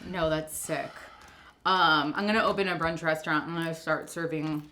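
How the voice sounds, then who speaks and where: A woman's voice: low voice, steady tone, normal speed, pushed and bright. A woman co-hosting a food taste test, chatting loosely with lots of filler words. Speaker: co-host of a food review show. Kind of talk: casual taste-test chat.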